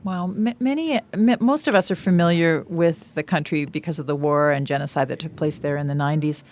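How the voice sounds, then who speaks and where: A woman hosting a morning radio show, introducing and questioning guests in a studio with a polished, clear broadcaster delivery. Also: low voice, a little fast, darkish tone, slight background noise.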